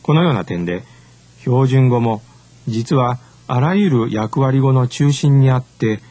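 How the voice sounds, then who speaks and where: A man giving a scripted lecture in a measured, formal, explanatory way. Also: medium pitch, mellow.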